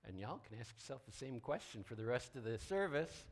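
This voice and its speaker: A pastor delivers an informal sermon, partly read from notes, in a conversational, folksy style full of wry asides. His medium-pitched voice is expressive and a little fast.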